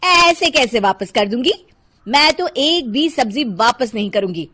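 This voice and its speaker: A woman voicing a rude, stingy young mother in a cartoon, who scolds loudly. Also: expressive, unhurried, a little hiss or hum. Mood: haggling angrily. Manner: loud, shrill and scolding.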